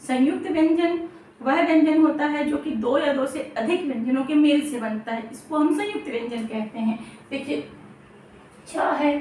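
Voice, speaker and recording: A woman's voice: sits high, a little mellow, a little hiss or hum. A woman teacher giving an exam-prep grammar lesson, repeating key terms and checking understanding as she goes. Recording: very echoey room, distant mic.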